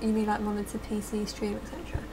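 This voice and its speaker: A woman's voice: medium pitch, monotone, fast talker, noisy background. A young woman livestreamer chatting casually to viewers, sounding tipsy and a bit giggly from drink. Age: young adult. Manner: tipsy, giggly drunk talk. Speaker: live streamer. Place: small cluttered bedroom.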